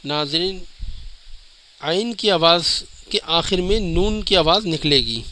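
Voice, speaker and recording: Guy teaching the letters one by one, drags out each sound slow, bright voice, bit of background hiss. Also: high-pitched, lively intonation, rough recording. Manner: often addresses viewers directly. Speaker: Quran teacher. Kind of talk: step-by-step spoken lesson.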